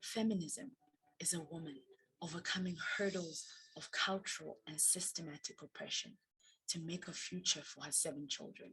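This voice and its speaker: A woman's voice: sits low, a bit bright, low-quality recording. A woman from Zambia reading her own reflective personal story as recorded narration. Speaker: student storyteller. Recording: narration with faint background music.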